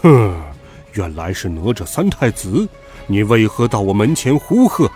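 A man voicing an arrogant, scornful male demon king with a gruff, sneering delivery in a storybook reading. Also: lowish voice, big pitch swings, a little slow, a little mellow, faint music behind, pitched below the performer's own voice.

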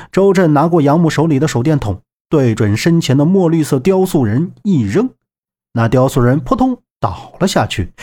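A male narrator reads an adventure audiobook in a dramatic, expressive style. His pitch rises and falls vividly as he tells the story. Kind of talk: scripted narration.

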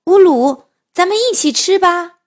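Storybook crow, friendly and smiling, high and lively, played by a woman. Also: unhurried. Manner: warm, smiling. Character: friendly crow who cooks.

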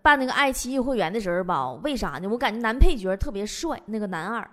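A young woman from Northeast China hosts a comedy show, telling scripted funny stories in her regional accent and laughing at her own jokes. She talks quickly and animatedly in a fairly high, fairly bright voice, with a little hiss or hum in the background.

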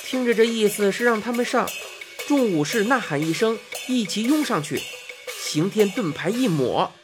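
A woman narrating a children's fantasy story expressively, voicing sound effects. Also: on the low side.

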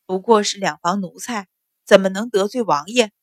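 A woman reading an audiobook novel, voicing a cautious male household steward who gives advice in a low, careful way. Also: normal speed, dry recording, studio quality, lightly acted.

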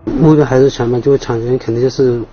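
A man gives plain, unscripted answers under questioning. His delivery is monotone and quick, repeating himself as he goes. The recording is dull, with faint music behind. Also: medium pitch. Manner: flat, plain, repetitive phrasing. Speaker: suspect being questioned.

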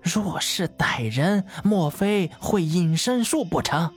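A woman's voice: lively intonation, takes it slowly, husky, faint music behind, full character voice. A woman voicing a grieving elderly noblewoman who wails and pleads through tears in an audio drama. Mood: accusing. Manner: wailing, high-strung pleading.

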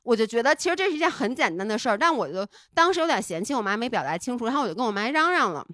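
Lively, candid woman telling a story. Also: on the high side, racing, dry recording, clean studio sound. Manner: candid, rambling and heartfelt. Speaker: podcast co-host. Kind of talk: casual podcast storytelling.

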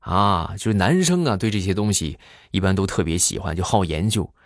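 A man's voice: deep voice, lively intonation, a little fast, no echo, clean studio sound. A man performing a stand-up comedy monologue, telling stories with jokey asides and rhetorical questions.

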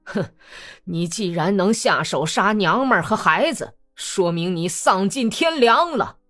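A woman voicing a stern, dignified old man who speaks firmly and deliberately. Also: medium pitch, animated, a bit bright, faint music behind, voice pushed up. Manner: firm, measured, stern.

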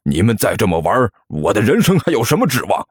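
A man's voice: on the low side, wildly swooping pitch, a little fast, slightly rough, no echo, studio quality, pitched below the performer's own voice, heavily acted. A man voicing a bumbling male street robber who blusters and stammers in an audiobook story. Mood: blustering. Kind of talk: storytelling character voice.

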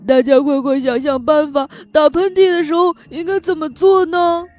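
A woman's voice: high voice, steady tone, moderate pace, voice pushed up, close to an everyday voice. A woman voicing an anxious little male gnome who swings from tearful to eager in a children's storybook. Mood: fretful. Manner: loud, emphatic, fretful. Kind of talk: storybook read-aloud for children.

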